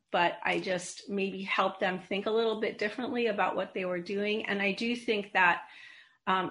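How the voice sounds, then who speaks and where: A woman's voice: medium pitch, a bit bright. A woman guest on a radio panel, sharing an earnest personal story in a thoughtful way. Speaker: panel guest, founder of a nonprofit.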